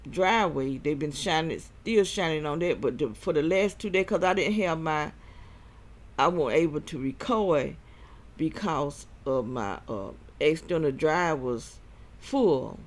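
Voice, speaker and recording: In an expressive mid-range voice, a man rambles through a personal vlog monologue. He is halting and breathless, with repeated restarts.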